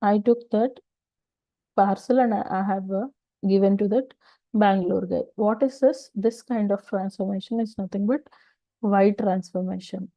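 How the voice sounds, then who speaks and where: A woman's voice: medium pitch, fairly even intonation, moderate pace, dark tone, no echo, muffled recording. A woman with a South Indian accent teaching an informal technical lesson, explaining step by step and often asking questions that the speaker then answers. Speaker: data engineering instructor.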